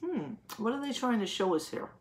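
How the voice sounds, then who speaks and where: A woman teacher with a fairly high voice and lively intonation reads a picture book aloud to young children. She explains as she goes, pausing to ask questions and confirm answers.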